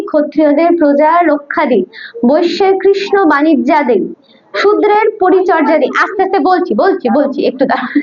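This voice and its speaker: A high-voiced woman dictates a scripture commentary, word by word. She often stops to repeat herself and check that her listeners are keeping up. The sound is dull and lo-fi. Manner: slow, careful dictation with frequent checking and repeats. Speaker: religious teacher.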